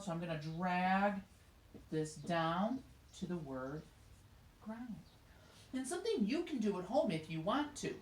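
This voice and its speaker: Woman music teacher of middle pitch, patient and encouraging, recorded in a roomy space. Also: a little hiss or hum. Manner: encouraging, explains step by step, sings short demonstrations. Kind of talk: recorded music lesson for children. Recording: echoey room.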